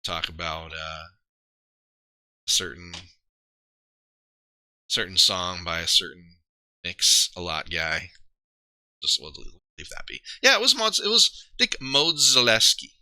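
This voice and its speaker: A man's voice: low-pitched, big pitch swings, takes it slowly, pauses often, sharp tone, no room sound. A man streaming live, rambling casually to his viewers, trailing off and poking fun at himself. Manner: rambling, self-deprecating, trails off and restarts.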